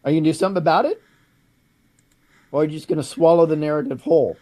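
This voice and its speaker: Guy hosting a talk show, kinda high mellow voice, keeps asking the audience questions. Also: racing. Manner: addresses the audience directly with rhetorical questions. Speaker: host.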